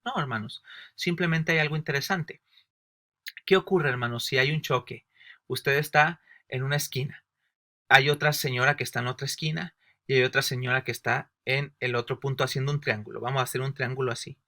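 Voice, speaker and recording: A man's voice: medium pitch, fairly even intonation, brisk, sharp tone. A man teaching a Bible lesson for new believers. He explains with everyday examples, asks rhetorical questions and often addresses his listeners as brothers and sisters. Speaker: Sunday school teacher.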